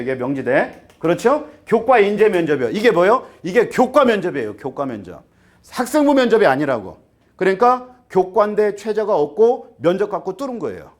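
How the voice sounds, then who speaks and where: A man in his fifties, an academy teacher, briefing parents in a lively lecture, firing rhetorical questions and getting worked up until he trips over his words. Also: on the high side. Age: 50s. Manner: animated, rhetorical questions, acts out students and parents.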